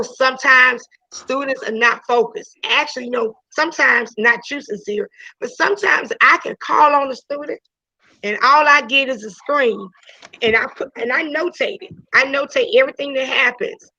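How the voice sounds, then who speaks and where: A woman teacher speaks loudly in a high-pitched voice to her students on a video call from home. She's chatty and casual, full of restarts and "you know"s. There's no room sound, though the audio is dull and lo-fi.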